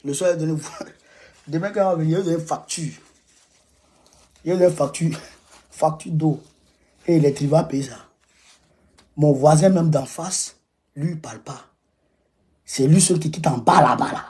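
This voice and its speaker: Rallying supporters on a casual livestream at home, an emphatic Ivorian man exhorts his audience and repeats phrases. His voice is dark yet on the high side, and he speaks at a moderate pace, leaving long pauses.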